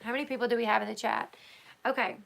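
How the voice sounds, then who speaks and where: She's a livestream host who reads a book to her viewers and chats with them casually, her hoarse voice full of fillers and restarts. The pitch runs on the high side, the intonation is fairly even, the tone a bit bright, and she talks quickly.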